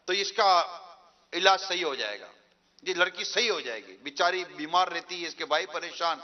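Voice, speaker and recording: Man playing a coaxing devil, high bright voice, low-fi sound, sermon tale. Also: expressive, long reverb tail, muffled recording. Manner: coaxing, urging. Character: scheming male devil tempting a worshipper.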